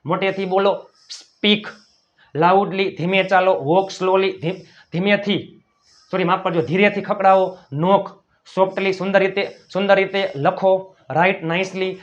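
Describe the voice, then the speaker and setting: High-voiced man teaching English. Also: flat delivery, measured pace, highs cut off. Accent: Gujarati. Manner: drills phrases, repeats each one. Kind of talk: spoken English lesson in Gujarati.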